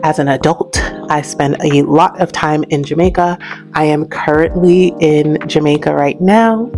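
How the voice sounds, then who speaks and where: Low-voiced american woman chatting to camera, animated and laughy, soft music behind. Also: a little slow. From United States, raised in Alabama. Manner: animated, chatty, laughs between lines, big pitch jumps. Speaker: host. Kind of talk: casual direct-to-camera storytelling.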